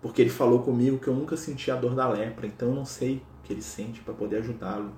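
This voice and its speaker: A humble, frail friar, voiced by a male storyteller, pleading in a slow, soft, low voice. The room sounds echoey. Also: steady tone, slight background noise, close to an everyday voice.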